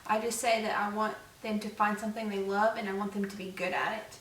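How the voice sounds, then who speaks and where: A woman's voice: mid-range voice, flat delivery, fast talker, fairly bright tone, slight background noise. A young woman co-hosting a vlog, chatting casually and rambling with many fillers. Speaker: vlog co-host. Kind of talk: casual chat. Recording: echoey room, mic at a distance.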